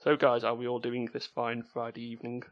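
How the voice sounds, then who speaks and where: A man's voice: mid-range voice, completely flat delivery, quick pace, dull audio. A man with a Stoke-on-Trent Potteries accent, hosting an informal gaming podcast. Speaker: stand-in podcast host.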